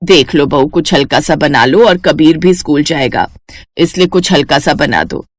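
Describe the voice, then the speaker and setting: A woman's voice: low voice, lively intonation, normal speed, dry recording, studio quality. A woman voicing a bossy old grandmother. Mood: instructing. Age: older. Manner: scolding, instructive. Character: grandmother, bossy but caring mother-in-law. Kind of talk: Hindi cartoon voice acting.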